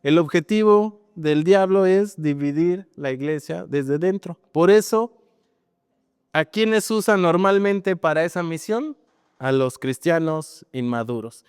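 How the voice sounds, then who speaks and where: A man's voice: on the high side, slow, darkish tone, clear, resonant tone, no echo, clean studio sound, long reverb tail. A man with a Mexican accent preaching a sermon as pastor, in a conversational style that keeps adding tag questions.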